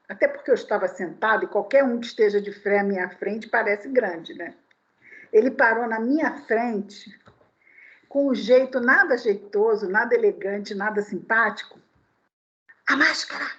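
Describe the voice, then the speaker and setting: A woman lecturer gives a sermon-style spiritist talk full of anecdotes. Her voice sits high and moves a lot, and she keeps checking in with her listeners through rhetorical questions. The recording is dull and lo-fi. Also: fairly bright tone.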